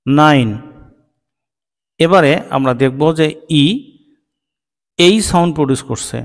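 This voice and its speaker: A man with a Bengali accent, a native Bengali speaker, teaching English phonics to children, drawing out each word slowly as a drill. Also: a little high, big-room sound. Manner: slow, drawn-out word-by-word pronunciation drills.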